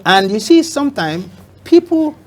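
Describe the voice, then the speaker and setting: Speaking at a moderate pace in a high, sing-song voice, a guest on a motivational talk show tells an emphatic story and often repeats phrases for effect.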